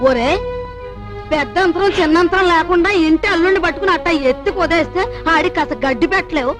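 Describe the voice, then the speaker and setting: A commanding older matriarch with a sharp tongue. Her voice is high and her words come as orders. Clear music sits under the film dialogue. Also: fast talker. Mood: scolding. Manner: commanding, scolding. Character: bossy older mother-in-law, sharp-tongued.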